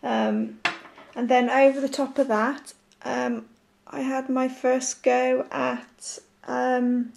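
A woman with a croaky voice from a sore throat, chatting casually and haltingly to camera as a nail art vlogger. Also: high voice, little pitch movement, a little mellow.

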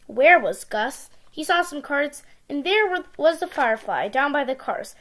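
A woman reading a picture book aloud to young children with simple, expressive storytelling, recorded in a small room on a device mic. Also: sits high, normal speed. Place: small indoor room with bookshelves.

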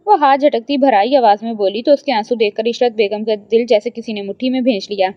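A woman narrates an audio novel in a steady, even storytelling voice. Her voice is somewhat high. The recording is dry and slightly dull, like a home setup. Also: no room sound. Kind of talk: scripted narration.

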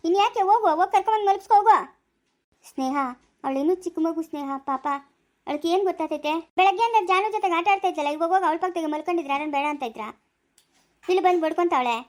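A woman, acting as quarrelsome village women in a family drama, scolding and complaining. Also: very high-pitched. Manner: scolding, complaining rapid speech. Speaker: family skit actor.

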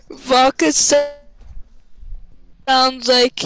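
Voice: high-pitched, fairly bright tone, poor audio. A friend chatting over voice chat during a game, playful and teasing. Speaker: gaming friend. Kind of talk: casual gaming banter.

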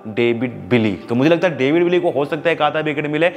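A man's voice: on the high side, quick pace, dull audio. A man giving fantasy cricket tips in a chatty, emphatic way, talking straight to his viewers. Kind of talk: casual analysis video.

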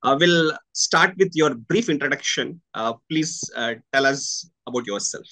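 Halting Indian-accented man interviewing. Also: mid-range voice, sharp tone. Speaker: interviewer, senior faculty at a coaching academy. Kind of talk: video-call interview. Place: small room indoors with curtains.

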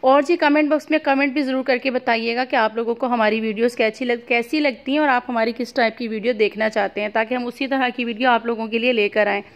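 A chatty woman with a Pakistani Urdu accent gives a walking vlog tour of an outdoor street market. Her voice sits a little high. She keeps up an upbeat patter while filming on a handheld phone. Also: steady tone, fast, hardly any pauses. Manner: chatty, upbeat product pointing. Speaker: vlogger.

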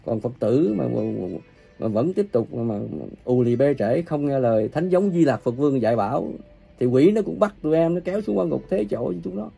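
A man preaching an angry, ranting sermon, cursing and scolding his listeners with coarse insults, his volume swinging from loud bursts to low mutters. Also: expressive, fairly quick, creaky, breathy edge, soft background music. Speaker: self-proclaimed religious preacher.

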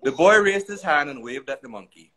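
A man narrating a children's story aloud in an expressive, sing-song way. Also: a little high, fairly quick, slightly rough, poor audio.

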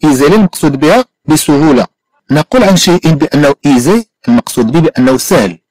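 Moroccan male teacher, animated intonation, drills phrases slowly. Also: fairly high pitch, no echo, low-quality recording. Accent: Moroccan Arabic. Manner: slow careful repetition of English phrases. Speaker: language teacher. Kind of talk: bilingual English lesson.

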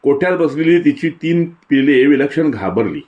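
A man's voice: on the high side, lively intonation, dark tone, dull audio. Man reading a literary story aloud. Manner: measured, descriptive storytelling. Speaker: story reader.

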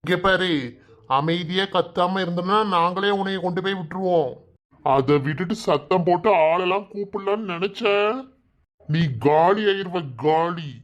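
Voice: mid-range voice, fairly even intonation, moderate pace, fairly bright tone, close to an everyday voice. A voice actor doing a bumbling kidnapper thug. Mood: threatening. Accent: Tirunelveli Tamil. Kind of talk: cartoon voice acting.

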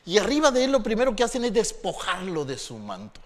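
A man's voice: high voice, huge pitch swings, a little fast, in a large hall. A male pastor preaching a sermon, telling a story dramatically and acting out the characters' voices.

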